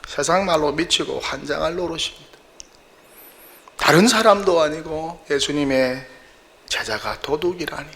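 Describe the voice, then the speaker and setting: A man's voice: a little high, unhurried, pauses often, fairly bright tone. A male pastor preaching a sermon in a church, emphatic and full of rhetorical questions.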